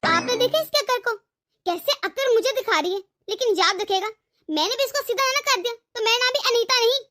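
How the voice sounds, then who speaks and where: A woman's voice: very high voice, expressive, a little fast, bright, forceful tone, exaggerated voice. A woman voicing a bossy, stubborn older mother-in-law in a cartoon, taunting and melodramatic. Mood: scolding. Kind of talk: cartoon voice acting.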